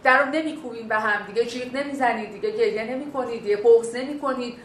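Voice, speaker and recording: A woman instructor giving a classroom lecture on communication, animated and acting out quoted dialogue. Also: fairly high pitch, echoey room, a little hiss or hum, rough recording. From Bakhtiari heritage.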